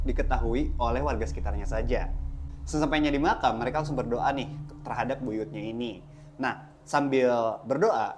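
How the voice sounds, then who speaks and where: A man's voice: medium pitch, darkish tone, slight background noise. A man telling a horror story in a casual, chatty way, addressing his listeners directly.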